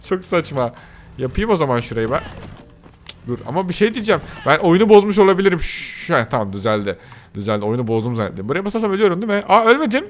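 A young man giving casual commentary on a game he plays, excitable and often breaking into shrieking outbursts. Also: on the high side, quick pace. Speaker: gaming YouTuber. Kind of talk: casual Let's Play commentary.

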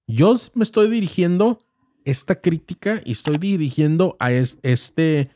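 A man in his thirties with a Mexican Spanish accent co-hosts a podcast, insistently arguing his point in a heated casual debate loaded with slang. His voice sits on the high side, animated and warm, at a measured pace. He's in a small foam-paneled studio, using a boom-arm studio mic and wearing headphones.

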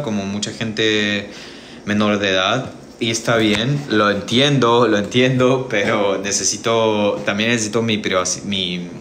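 Chatting casually from his indoor kitchen via his phone's front camera, a livestream host in his thirties keeps wandering, hesitating and restarting his sentences. His voice sits on the low side with a fairly bright tone, and there's a bit of hiss or hum.

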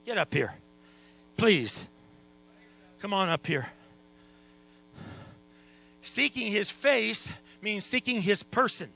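Male pastor, high gravelly voice, preaches soft then shouts, mains hum under it. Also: sing-song, takes it slowly, long pauses, rough recording. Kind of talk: revival sermon. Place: church sanctuary.

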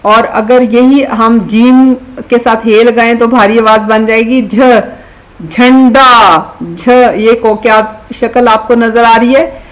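A woman's voice: a little high, low-quality recording. A woman teaching children a beginner Urdu lesson, spelling words out letter by letter and praising them as she goes. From Pakistan. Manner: drawn-out, slow spelling of words, warm coaxing praise.

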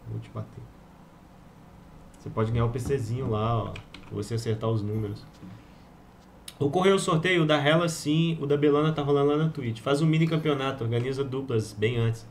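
A man's voice: mid-range voice, fairly even intonation, fairly quick, slight background noise. A young adult Brazilian man chatting casually over gameplay, teasing and slangy. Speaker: game streamer.

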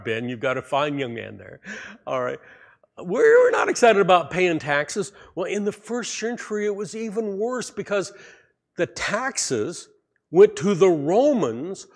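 A man preaching a sermon, telling a story in a lively way and speaking directly to his congregation. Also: a little high. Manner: animated storytelling, addresses the congregation. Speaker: pastor.

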